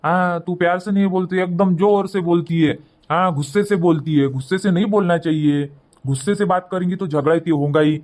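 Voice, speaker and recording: A man's voice: high-pitched, steady tone, brisk, darkish tone, close to an everyday voice. A man voicing a harried young husband in a cartoon, pleading and placating between his wife and mother. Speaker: son and husband.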